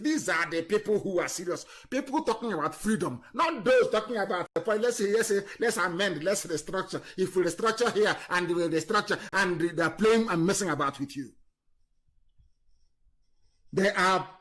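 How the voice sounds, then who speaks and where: A fiery man delivers a scornful political monologue on a live online stream, his voice sitting high. He drives points home with repeated jabs, then drops to a low mutter before rising again. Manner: fiery, scornful, repetitive insults; swings between loud emphasis and low muttering. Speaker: political broadcaster.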